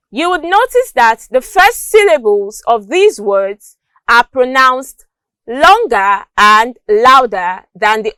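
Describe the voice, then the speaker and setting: A woman teaching English word stress in a scripted lesson, reading word lists carefully and clearly. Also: sits high, a bit bright, no echo.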